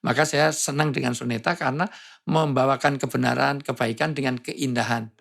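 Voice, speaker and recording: Gravelly-voiced joking male preacher. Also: medium pitch, steady tone, brisk, fairly bright tone. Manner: joking, playful, imitates sounds. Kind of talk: humorous preaching in conversation.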